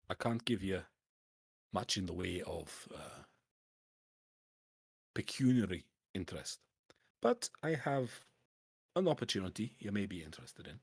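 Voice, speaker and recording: Man voicing a stingy Scottish merchant, gruff, husky, dry close sound. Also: on the low side, dry recording, heavily acted. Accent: Scottish, drifting Irish.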